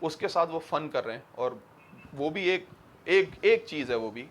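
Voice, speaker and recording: A man's voice: on the high side, expressive. A man with a Pakistani accent teaching English grammar in a classroom, quizzing students and switching between Urdu and English. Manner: slows and stretches English example sentences.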